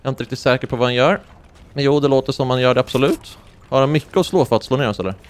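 A young man from Sweden commentating his own gameplay live, excitable and quick to yelp when something surprises him. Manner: excitable, swings into high-pitched yelps when surprised. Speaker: gaming streamer.

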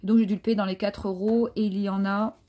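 A woman's voice: medium pitch, little pitch movement, a little fast, mellow. A woman chatting casually through a craft haul, hesitant and full of fillers. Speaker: craft vlogger. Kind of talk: casual haul show-and-tell.

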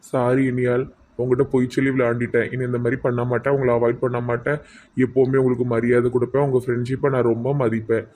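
A man's voice: medium pitch, level tone, fast, darkish tone, slight background noise, close to an everyday voice. A man playing a playful young prankster friend in a comedy skit, with a Tirunelveli Tamil accent and an earnest, apologetic manner. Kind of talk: amateur comedy skit acting.

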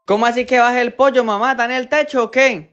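A man's voice: very high voice, steady tone, quick pace, a bit bright, dull audio. A man playing a cheeky eighteen-year-old son in a comedy sketch, talking back to his mother. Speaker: sketch actor.

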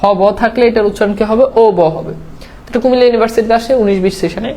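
A woman's voice: on the high side, fairly even intonation, fast, warm tone. Woman tutor explaining step by step. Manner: explains step by step, keeps checking understanding with tag questions; mixes English words into her talk. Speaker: admission exam tutor. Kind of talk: online lecture over slides.

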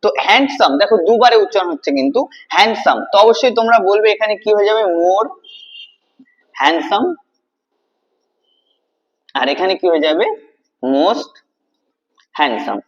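Male tutor, high voice, quizzes and answers himself, repeats key words; muffled low-fi recording. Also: animated, normal speed, pauses often. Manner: asks questions then answers them, repeats key words. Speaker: English grammar teacher. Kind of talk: classroom-style video lesson.

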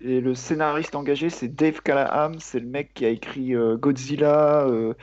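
A man taking part in a casual film podcast, speaking in a halting way. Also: medium pitch, fairly even intonation, a little mellow, lo-fi sound. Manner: halting, piles up fillers. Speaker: podcast guest.

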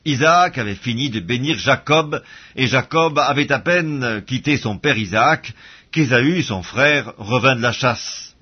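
Male Bible narrator; measured, breathy tone, muffled recording. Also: medium pitch, animated. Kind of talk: audio Bible reading. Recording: dull lo-fi audio.

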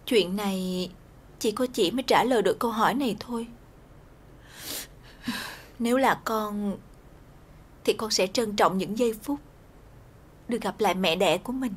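A young woman playing a daughter in a TV drama, speaking softly and consolingly to her mother. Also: medium pitch, moderate pace, pauses often, husky, lightly acted. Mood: gentle. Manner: soft, consoling. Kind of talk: TV drama acting.

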